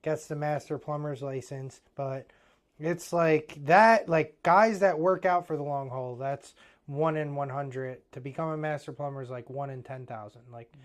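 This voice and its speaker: This man in his thirties, with an Eastern Pennsylvania accent, talks shop about running his plumbing business. He's blunt and motivational, leaning on lots of casual fillers, and his smooth, clean voice sits slightly high for a man at a moderate pace.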